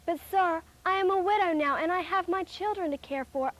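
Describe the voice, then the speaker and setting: Woman acting a high-voiced pleading poor widow. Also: fairly quick. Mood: anxious pleading. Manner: earnest, pleading. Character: humble, pleading poor widow of Bible times.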